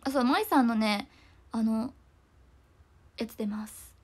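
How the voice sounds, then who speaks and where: A young woman, chatting fast and casually on a livestream, reading viewer comments and often apologizing. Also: fairly high pitch.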